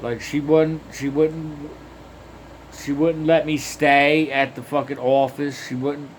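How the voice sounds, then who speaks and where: In a fairly high, flat voice, a man drawls his way through a long, rambling first-person story at an unhurried crawl, cursing in nearly every sentence. He stumbles, repeats himself and circles back, padding pauses with "uh" and "like," while a faint hum of background noise runs underneath.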